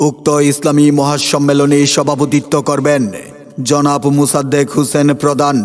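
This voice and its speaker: A man making a formal event announcement over a loudspeaker, reciting names and titles in a flat, formal way. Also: on the high side. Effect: loudspeaker announcement, like a megaphone. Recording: long reverb, faint music behind.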